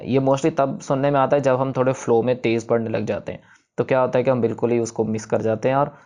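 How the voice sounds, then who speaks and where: A man teaching the pronunciation of a prayer text, patiently explaining and demonstrating words slowly syllable by syllable. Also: medium pitch, a little mellow. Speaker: recitation teacher.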